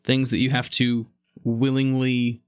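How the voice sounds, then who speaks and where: A man's voice: mid-range voice, flat delivery, a little slow, smooth, no echo, clean studio sound. A man co-hosting a podcast, talking casually and enthusiastically, laughing often. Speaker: podcast co-host. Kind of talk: casual chat.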